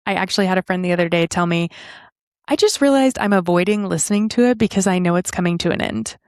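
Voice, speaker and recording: A woman hosting a podcast and speaking in an earnest, reflective way. She slows down to stress key lines. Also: fairly low pitch, no room sound, clean studio sound. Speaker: podcast host.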